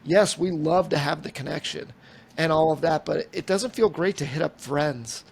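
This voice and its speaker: Man, 40s, podcast co-host, rambly casual talker, heavy vocal fry. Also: fairly high pitch, normal speed, a little hiss or hum. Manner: rambling, acts out quoted conversations. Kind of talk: casual chat.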